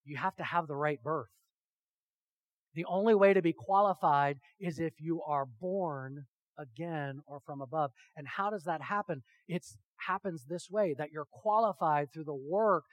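A man preaching a sermon with emphatic rhetorical questions, swinging from hushed to loud and talking directly to his congregation. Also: a little high, unhurried, no echo, rough recording. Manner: talks with the congregation, asks them questions. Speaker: pastor.

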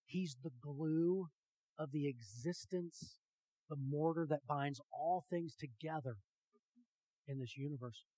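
A man's voice: a little high, takes it slowly, dry recording, rough recording. Preaching man, rhetorical questions. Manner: emphatic preaching, rhetorical questions, swings from hushed to loud; talks with the congregation, asks them questions. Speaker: pastor. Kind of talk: sermon.

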